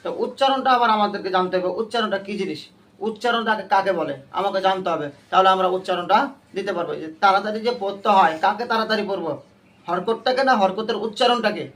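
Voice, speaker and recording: A high-pitched male teacher leads a Quran reading class. He asks short questions over and over and waits for the students to answer in chorus. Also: fast, a bit bright. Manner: drills students with repeated questions. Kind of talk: call-and-response class lesson.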